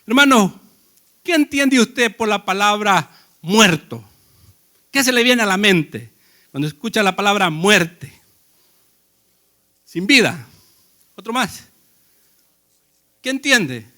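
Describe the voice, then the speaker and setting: A man's voice: high-pitched, very animated, slow, pauses often, bright, forceful tone. A man preaching a sermon in a conversational way, telling personal stories and asking the congregation questions.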